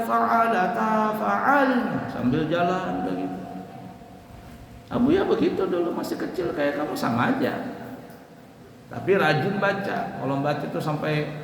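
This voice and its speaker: Animated man preaching in an echoey hall. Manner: animated, shouting and chanting examples, wide swings in pitch. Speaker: religious teacher addressing students. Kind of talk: lively sermon to students. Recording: echoey hall with faint room noise.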